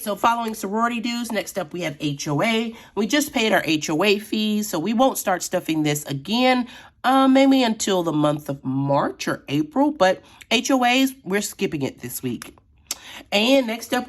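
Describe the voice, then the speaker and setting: A middle-aged woman with a raspy voice, chatting casually as she counts cash out loud. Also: medium pitch. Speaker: budgeting vlogger. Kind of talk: casual vlog narration.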